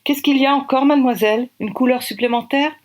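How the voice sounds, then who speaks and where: A woman's voice: sits high, fast talker, darkish tone, pitched above the performer's own voice, natural voice. A woman voicing a bossy woman stylist who gives curt, clipped orders. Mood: impatient. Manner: commanding, clipped.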